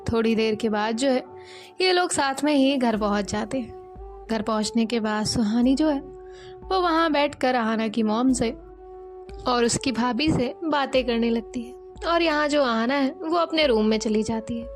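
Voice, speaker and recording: A woman's voice: a little high, a little slow, faint music behind. A woman narrating a romance story in a loose, chatty retelling with many repeated fillers.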